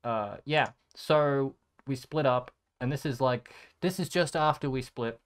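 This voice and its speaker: A young man with a smooth, clear voice rambles through a story in casual chat. He is sarcastic and swears freely, and his pitch sits in the middle range. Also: unhurried. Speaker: content creator. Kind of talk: casual storytelling over photos.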